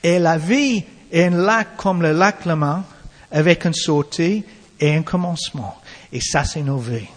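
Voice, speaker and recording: A man with an English accent preaching a sermon in halting French, restarting his words often. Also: on the high side, long reverb tail.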